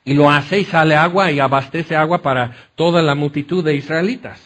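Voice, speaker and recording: Guy preaching, high voice, super animated, keeps saying ok?. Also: fairly quick, slight background noise. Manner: animated, acts out scenes, frequent "¿ok?" check-ins. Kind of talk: conversational sermon.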